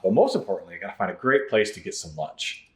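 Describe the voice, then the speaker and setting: Talking fast with big swings in pitch, this Michigan pilot and video blogger narrates his casual vlog in a deep voice, musing informally as he goes. It's very noisy, with a roomy echo and faint background music.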